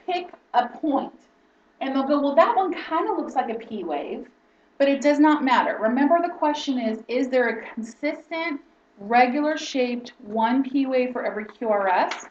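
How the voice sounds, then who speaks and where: A woman's voice: sits high, a little slow, darkish tone, slight background noise. A woman instructor teaching a lesson in lecture style, explaining step by step and often checking in with "okay?". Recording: roomy, distant, dull lo-fi sound.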